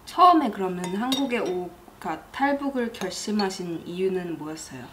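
A chatty young woman hosts a casual mealtime talk in a living room. Her voice sits at a middle pitch, and faint noise and clinking dishes run behind her. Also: animated, fairly quick. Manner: chatty, laughs readily, asks questions. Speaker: host. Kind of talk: casual chat over a meal. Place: living room, seated at a low table.

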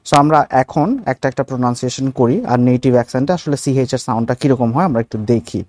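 A man from Bangladesh with a Bangladeshi accent teaches English pronunciation in a video lesson, explaining slowly with fillers and repeating each example word. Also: medium pitch, a little mellow, no echo.

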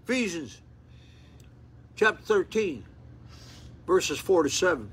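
Eighty-year-old male preacher, seated, high bright voice with a husky edge, fervent delivery. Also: big pitch swings, slow pace. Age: 80s. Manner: fervent, rising to exclamations, repeats words and restarts. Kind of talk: seated sermon, reading and expounding scripture. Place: small indoor room with curtains, seated. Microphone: phone camera at close range.

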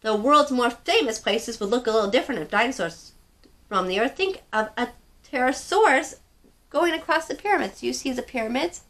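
High bright-voiced woman leading kids. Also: animated, a little fast. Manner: sing-song, encouraging, talks to a child. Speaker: children's story time host. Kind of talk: leading a kids' movement activity and reading aloud.

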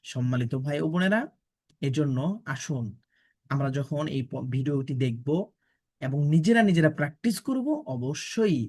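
A man teaching Quran reading and tajweed, drilling Arabic letters syllable by syllable with slow, drawn-out pronunciation. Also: mid-range voice. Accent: Bangladeshi Bengali. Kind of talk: slow recitation lesson.

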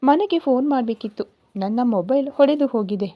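A woman doing a brisk, scolding young wife. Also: sits high, expressive, no echo, lo-fi sound. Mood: offhand. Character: young wife, sharp-tongued but caring.

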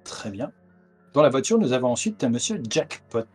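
A man's voice: mid-range voice, big pitch swings, moderate pace, darkish tone, husky, soft background music. A man narrating a tabletop horror game as game master over a video call, with many hesitant fillers. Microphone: headset on a video call.

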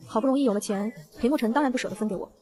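A woman narrating a novel in the first person, in a brisk, even storytelling read. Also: on the high side. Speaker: audiobook narrator.

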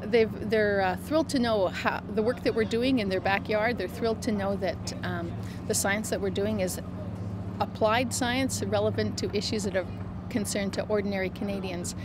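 A woman's voice: mid-range voice, normal speed, noisy background. Hesitant woman interviewed on a dock. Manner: hesitant, restarting sentences. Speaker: project leader. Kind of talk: on-camera interview.

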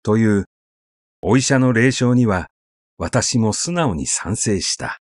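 A male narrator reads literary fiction slowly and deliberately, his mid-pitched voice lively and widely expressive yet still conversational, as if simply telling the story. The recording is dry, with hardly any room sound.

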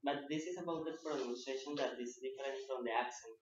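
A man from Colombia with a Spanish accent, a student who speaks halting English, searching for words. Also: medium pitch, steady tone, a crowd in the background. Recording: echoey room, distant dull mic.

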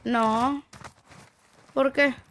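A woman's voice: high voice, steady tone, extremely slow, a bit bright, a little hiss or hum. A young woman from Tijuana, chatting casually and full of slang while she plays a game on stream and reads chat aloud. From Tijuana, Mexico.

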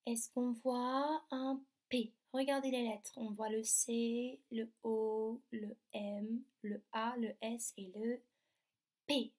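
A woman gives a remote lesson to young children from her computer at home. She speaks very slowly and stretches out each letter and word. Her voice sits a little high. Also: fairly even intonation, darkish tone. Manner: slow, stretches words out, sounding out letters. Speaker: teacher. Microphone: computer mic.

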